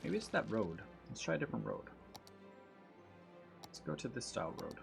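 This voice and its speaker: A man's voice: medium pitch, sing-song, moderate pace, gravelly, over music. A man streaming a game over a headset mic, thinking aloud as he fixes things and greeting his chat. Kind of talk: casual gameplay livestream chat.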